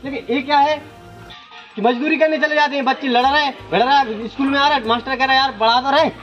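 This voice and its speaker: A man from Madhya Pradesh with a very high voice, speaking in short indignant bursts as a village resident lodging complaints. The sound is dull and lo-fi, with music playing underneath. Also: fairly even intonation, fast talker. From Datia district, Madhya Pradesh, India. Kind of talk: on-the-spot interview. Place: outdoors at a village school.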